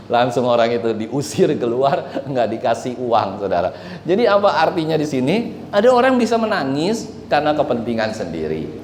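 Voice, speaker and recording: A man's voice: mid-range voice, a little mellow, a little hiss or hum. A man preaching a sermon as pastor, telling a story with laughs and asking the congregation questions. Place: church hall. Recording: echoey church hall.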